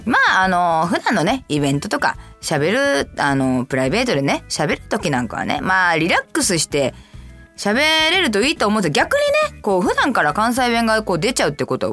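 Woman host from Kansai, light Kansai accent, casual solo radio talk, animated pitch leaps, faint music bed. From Kansai, Japan. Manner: chatty, animated, jumps to high playful asides. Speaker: radio show host reading listener letters.

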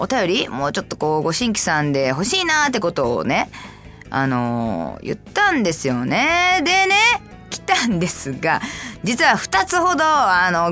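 A woman radio host from Kansai, speaking standard Japanese with a light Kansai accent, chatting casually and answering listener letters in a lively, playful way. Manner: chatty, animated, jumps to high playful asides. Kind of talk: casual solo radio talk.

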